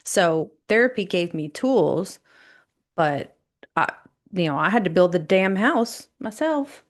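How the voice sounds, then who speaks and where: A woman's voice: lowish voice, expressive, slow pace. A woman co-hosting a casual chat, talking candidly and animatedly with asides and mild swearing. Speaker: podcast co-host.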